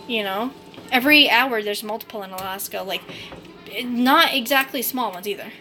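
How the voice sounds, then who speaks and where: A woman's voice: fairly high pitch, moderate pace, bright, forceful tone, soft background music. A tired young woman from New England, hosting a casual live stream, rambling and chatty with lots of fillers and the odd angry curse. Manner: rambling, chatty, with many fillers and swearing outbursts.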